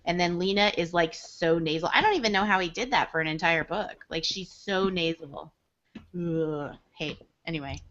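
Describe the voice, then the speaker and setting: A woman's voice: on the low side, expressive, fast, few pauses, fairly bright tone, dull audio. Blunt woman co-hosting a book chat. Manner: blunt, opinionated, swears casually. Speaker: podcast co-host leading the book discussion. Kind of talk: casual book club chat.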